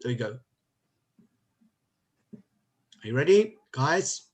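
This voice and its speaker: A man's voice: mid-range voice, sing-song, slow. A man on a video call, hosting a quiz game for students as their teacher, upbeat and coaxing everyone to join in. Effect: heard over a video call. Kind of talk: casual online meeting talk.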